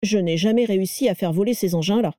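A woman's voice: medium pitch, quick pace, dark tone, no room sound, natural voice. A woman voicing a burly, blustering wizard who grumbles, sneers and panics easily, in a dry storybook reading. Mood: grumbling.

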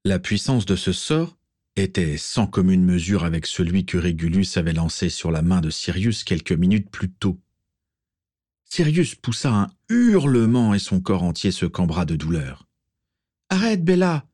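A man narrating a story as an audiobook, steady and expressive. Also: low-pitched, moderate pace, no echo, studio quality.

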